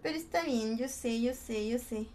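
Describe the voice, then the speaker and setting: A woman's voice: a little high, moderate pace, warm tone, slight background noise. A young Mexican woman streaming a mobile shooter, chatting playfully with her viewers, teasing them and greeting them with pet names. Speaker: game streamer. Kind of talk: live-stream chat while gaming.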